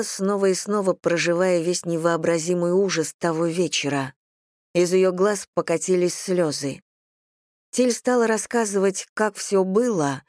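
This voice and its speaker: A narrator reading a dramatic novel aloud in an even, measured way. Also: mid-range voice, no echo, clean studio sound. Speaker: audiobook narrator. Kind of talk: scripted audiobook narration.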